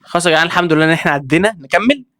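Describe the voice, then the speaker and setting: A man with an Egyptian accent giving excitable let's-play commentary, reacting with quick exclamations and talking straight to his viewers. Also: a little high, dry recording. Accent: Egyptian Arabic. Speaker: gaming video creator.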